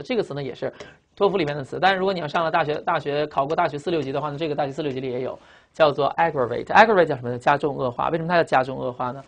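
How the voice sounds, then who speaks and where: Fast-talking man teaching vocabulary. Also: a little high, fairly bright tone. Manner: repeats each word and meaning, frequent "啊" tags and quiz questions. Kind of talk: vocabulary lecture for exam students.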